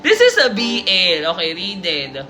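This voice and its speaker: A woman's voice: fairly low pitch, wildly swooping pitch, unhurried. A woman hosting a livestream, reading a submitted confession aloud and breaking off for playful, teasing asides. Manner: playful, teasing asides and giggles between passages. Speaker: livestream host reading listener stories. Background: music.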